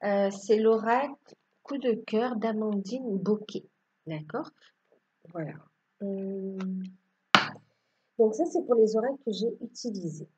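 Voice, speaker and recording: A woman's voice: medium pitch, slow pace, long pauses, highs cut off, very noisy. A woman giving a casual tarot reading to her viewers, hesitant and full of fillers. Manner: hesitant, many fillers and restarts. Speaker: tarot card reader.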